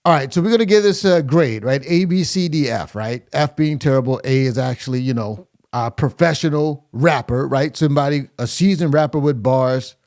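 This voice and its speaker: Critiquing rap verses in a laid-back reaction video, this male host talks at normal speed with few pauses. His mid-range voice is a little mellow, and he scats rhythms aloud amid lots of fillers and restarts.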